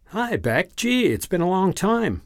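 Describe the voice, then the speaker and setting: A man's voice: high voice, very animated, measured pace, no echo, pitched above the performer's own voice. A man reading a storybook father who jokes in a dry, teasing way. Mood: wry.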